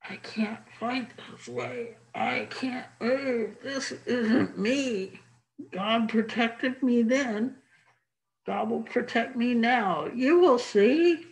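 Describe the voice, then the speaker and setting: Bold young shepherd boy voiced by a woman, earnest, insistent, raised high voice, storybook telling. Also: slow pace, rough recording. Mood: muffled.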